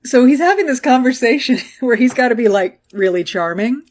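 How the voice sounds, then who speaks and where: A young adult woman hosting a podcast, recapping a show in casual chat, profane and giggly with quick asides. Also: on the high side, expressive. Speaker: podcast host.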